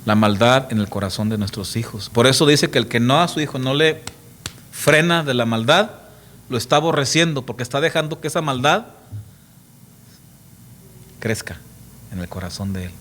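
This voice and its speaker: A middle-aged man preaching a sermon, emphatic and full of rhetorical questions to the congregation, telling stories with lively quoted voices. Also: medium pitch, normal speed, pauses often, slight background noise. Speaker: pastor. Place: church.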